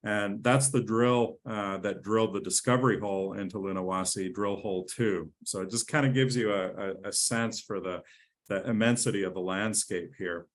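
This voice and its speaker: Male executive presenter, somewhat low voice, eager and repeats himself. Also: steady tone, normal speed. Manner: enthusiastic, with frequent restarts and fillers. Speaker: company president and CEO presenting. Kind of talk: webinar presentation.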